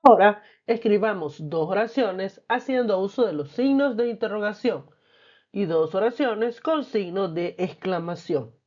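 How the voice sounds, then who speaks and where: A woman teacher reading and explaining a textbook lesson, patient and clear. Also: mid-range voice, expressive, unhurried, mellow, muffled recording.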